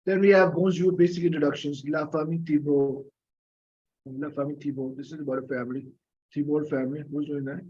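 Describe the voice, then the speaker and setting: A man's voice: on the high side, steady tone, fast talker, a little mellow, husky, highs cut off. A man teaching an online French class, patiently coaxing students for answers, with many fillers and coughs. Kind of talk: live online class lecture.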